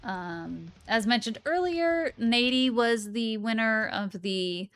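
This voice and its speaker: A woman's voice: on the high side, takes it slowly, smooth. A tired woman game streamer chatting casually and rambling with fillers as she wraps up her live stream. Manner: relaxed, rambling, many fillers.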